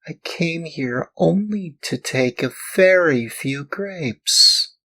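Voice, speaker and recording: A man voicing a scared, crying wooden puppet boy in a storybook reading, pleading in a high, sobbing voice. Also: takes it slowly, natural voice. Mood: tearful pleading.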